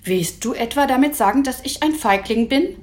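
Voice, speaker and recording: A woman's voice: a little high, lively intonation, moderate pace, darkish tone, voice pushed up, natural voice. Woman doing a hot-headed scrappy boy. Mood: challenging. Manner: indignant, grumbling.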